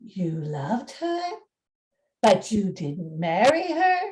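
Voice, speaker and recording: A woman playing a gentle, probing spirit of Christmas in a radio play, with measured, declamatory delivery. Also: medium pitch, sing-song, pitched below the performer's own voice. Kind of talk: amateur radio play acting.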